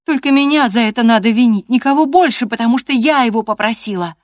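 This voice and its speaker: Woman reading as a bold stubborn young girl, high voice, yelling, audiobook, dry. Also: steady tone, brisk, no echo. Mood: defiant. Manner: high, loud, shouting.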